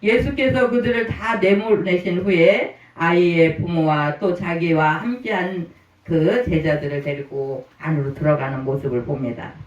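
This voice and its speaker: A male pastor delivering a sermon in a reverberant church sanctuary, heard from a distance. He retells the story and keeps turning to the congregation with rhetorical questions. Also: high voice. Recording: roomy church, mic at a distance.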